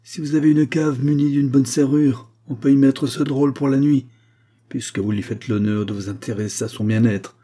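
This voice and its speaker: A man reading a harsh, proud Russian major with a sarcastic, domineering manner, raised and louder than his narration in an audiobook. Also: medium pitch, fairly even intonation, normal speed, voice pushed up, lightly acted.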